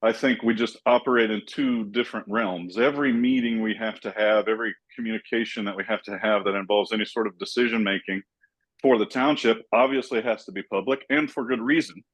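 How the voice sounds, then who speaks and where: A man in a public committee meeting on a video call, making careful, deliberate arguments. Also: on the low side, fairly even intonation, a bit bright. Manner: measured, deliberate, speaks in careful full arguments. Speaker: committee member.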